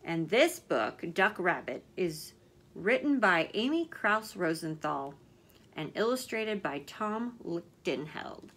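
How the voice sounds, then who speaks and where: Woman leading a kids' story time; sing-song and animated, encouraging teacher manner, bright forward voice. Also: fairly low pitch, takes it slowly. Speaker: children's story time host. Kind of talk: children's story time, asking questions.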